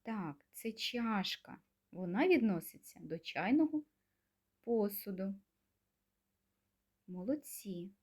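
A woman kindergarten teacher leads a speech lesson for little children, her pitch rising and falling in a lively, singsong way. She speaks slowly and gently, asking coaxing questions and leaving pauses for the children to answer. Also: slightly rough.

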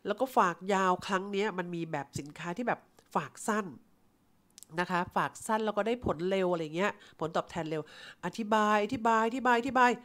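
A woman's voice: mid-range voice, fairly quick, a bit bright. A middle-aged woman from Thailand telling a personal story and acting out both sides of the conversation. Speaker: insurance agent team leader. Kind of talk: storytelling talk.

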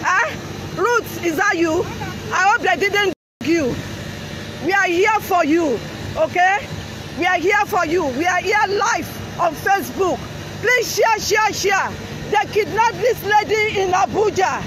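A woman evangelist live-streaming on a phone outdoors, shouting and repeating herself in an agitated way. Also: extremely high pitch, animated, measured pace. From Nigeria. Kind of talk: live-streamed street confrontation. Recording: loud street noise from vehicles.

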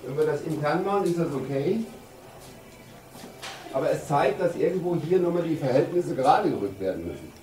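A man's voice: fairly high pitch, lively intonation, fairly quick, warm tone, faint music behind. Guy in his 50s coaching, emphatic team talk in a roomy locker room, mic far off, bit of noise. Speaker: handball coach. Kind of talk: pre-game team talk. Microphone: camera a few metres away. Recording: roomy, distant camera mic, background noise.

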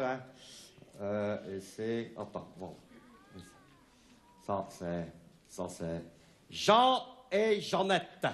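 A man telling jokes to an audience in a halting, stop-start way, chuckling between lines. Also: mid-range voice. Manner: halting, many restarts, chuckling. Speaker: stand-up comic. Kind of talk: amateur comic monologue with jokes.

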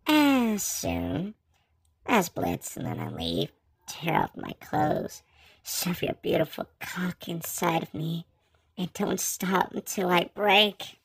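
A sultry, brazen cartoon demon woman, acted out by a woman. She is very husky and breathy, takes her time, and her pitch plunges and leaps dramatically. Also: very animated, slow, no room sound, exaggerated voice. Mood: lustful. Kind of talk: amateur comic dub.

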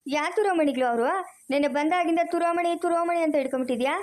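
A woman voicing a warm, firm motherly woman in a cartoon who comforts a crying girl. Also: sits high, voice pushed up, lightly acted. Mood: comforting. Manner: fast, soothing, repeats comfort.

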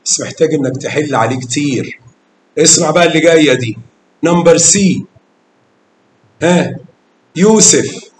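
Coaxing Egyptian math teacher, echoey classroom. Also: male voice, on the high side, a little hiss or hum. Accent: Egyptian Arabic. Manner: coaxing, questioning, calls pupils by name with endearments.

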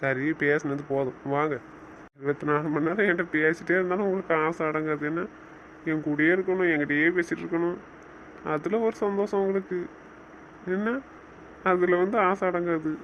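Soft-spoken young man, muffled recording. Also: a little high, fairly even intonation, moderate pace, pauses often, slight background noise. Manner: soft-spoken, coaxing, gently teasing. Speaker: husband in a couple's chat. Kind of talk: casual couple banter.

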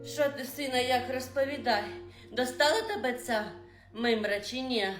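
A woman voicing a fussy elderly mother who is rude to her son's staff, with a shrill, mocking voice. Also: normal speed, natural voice. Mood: scornful. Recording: roomy room with faint music.

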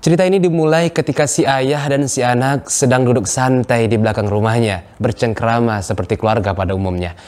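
Young man from Riau, Indonesia, to tell a moral tale with earnest, measured delivery. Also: mid-range voice, steady tone, darkish tone. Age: young adult. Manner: earnest, measured, chants scripture verses. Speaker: student storyteller. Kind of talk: religious moral storytelling.

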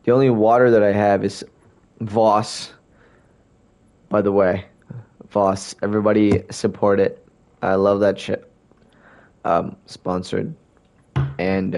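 Hiccuping and burping as he rambles, a young man talks to his chat during a casual game stream. His voice is fairly low and a little mellow.

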